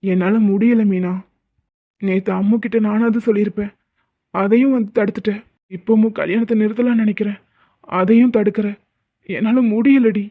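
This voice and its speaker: A woman's voice: medium pitch, steady tone, moderate pace, long pauses, dry recording, lightly acted. A woman voicing a heartbroken young man in a cartoon drama, talking in a pleading, emotional way. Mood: despairing. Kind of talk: cartoon voice acting. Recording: dry, phone-like lo-fi.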